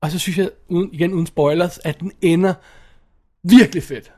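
A man with a high, light voice talks in a loose, opinionated way, cutting himself off and starting again. He swears casually and keeps the tone conversational and blunt, like a podcast co-host tearing into a film. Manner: animated, opinionated, swears and laughs often, many restarts. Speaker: podcast co-host reviewing films. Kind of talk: casual chat.

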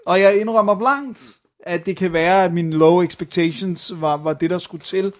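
A man co-hosting a podcast, talking about films in an enthusiastic, slangy way with English phrases mixed in. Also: sits high. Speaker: podcast co-host. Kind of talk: casual film chat.

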